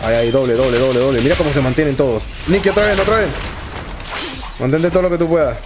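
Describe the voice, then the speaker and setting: A young man giving excitable let's play commentary, swearing often and talking to himself. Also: medium pitch, quick pace, over music. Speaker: gaming YouTuber.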